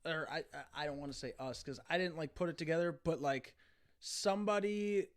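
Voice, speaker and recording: A man co-hosting a podcast in casual chat, asking easygoing questions and chiming in with short replies. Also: on the high side. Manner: quick back-channel replies and questions, easygoing. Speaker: podcast co-host.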